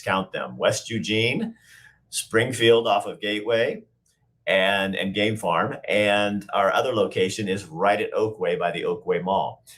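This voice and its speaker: Slightly hoarse, deep-voiced male host. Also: fairly bright tone. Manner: joking and rambling, with fillers. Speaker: talk show host. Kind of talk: casual live-stream talk show.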